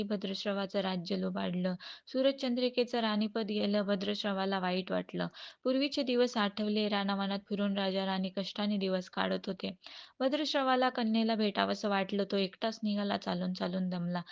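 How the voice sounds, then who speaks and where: A woman narrating a devotional story in a steady, measured recitation. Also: mid-range voice, gravelly. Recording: dull lo-fi recording.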